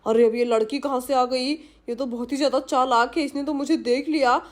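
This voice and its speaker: Greedy sneaky thief guy muttering his plans, gloating, woman putting on a lower voice. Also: steady tone, a little fast, close to an everyday voice. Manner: muttering schemes to himself, gloating. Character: greedy scheming male village thief.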